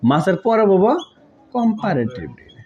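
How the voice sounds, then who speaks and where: A man's voice: high voice, very animated, moderate pace, crowd noise. A man teaching an English grammar lesson, repeating key words and checking that students follow. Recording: dull lo-fi recording.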